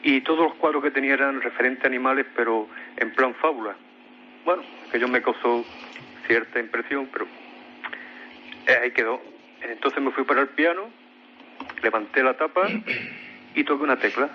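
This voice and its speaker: On a radio mystery program, a Spanish-accented man from Spain tells of an eerie paranormal event from his own life, stumbling and repeating words frequently. His mid-range voice moves at a moderate pace with long pauses. The highs are cut off and there's slight background noise.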